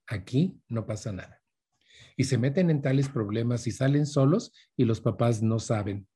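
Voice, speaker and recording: Man, Mexican Spanish accent, conversational lecture, talks straight to the audience, personal stories, husky voice. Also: mid-range voice, animated, normal speed, mellow. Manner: addresses listeners directly, mixes in personal stories. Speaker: speaker giving a talk on parenting.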